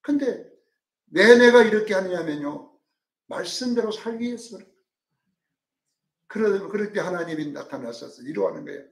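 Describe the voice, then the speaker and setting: A male pastor preaching a sermon, dramatic, swinging from loud calls to hushed asides and acting out quotes. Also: high-pitched, animated, unhurried, long pauses, recorded from a distance. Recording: roomy sound from off-mic.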